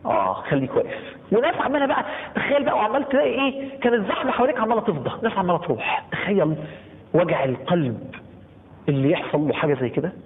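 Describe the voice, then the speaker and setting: A man's voice: high voice, rapid-fire. A man with an Egyptian Arabic accent preaching a live sermon and keeping the audience engaged with frequent questions to the crowd. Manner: animated, keeps asking the crowd questions. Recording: tinny phone-like sound with long hall reverb.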